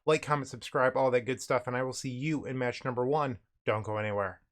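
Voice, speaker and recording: A man hosts casual card game commentary as a streamer, his medium-pitched voice brisk and steady in tone over a loud crowd. He's recovering from illness, so his voice is a bit cracky and unsteady, cracking and cutting in and out.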